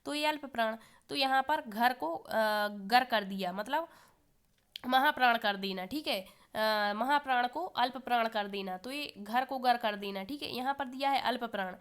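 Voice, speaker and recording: A woman with a fairly high, smooth and clear voice teaches an exam-prep lesson. She keeps putting questions to the learners and answers each one herself a moment later. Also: normal speed, a bit bright. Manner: asks the class questions and answers them herself.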